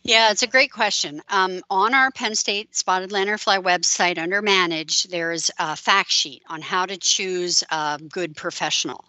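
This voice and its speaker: Bright-voiced woman explaining plainly. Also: lowish voice, measured pace, few pauses, no echo, poor audio. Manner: practical, explanatory, plain-spoken. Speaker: extension educator. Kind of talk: expert answering questions.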